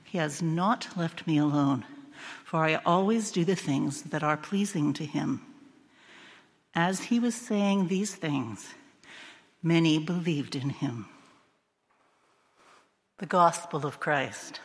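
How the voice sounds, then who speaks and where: A woman pastor reading the gospel in a steady, solemn cadence, her voice carried by cathedral echo. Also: deep voice, takes it slowly, pauses often, slightly rough. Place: church sanctuary. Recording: long reverb of a church hall.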